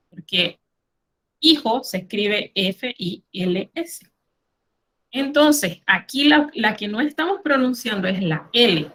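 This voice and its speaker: Teaching an online French class, a middle-aged woman goes carefully over word lists. Her voice sits a little high and sounds sharp, colored by a Panamanian Spanish accent.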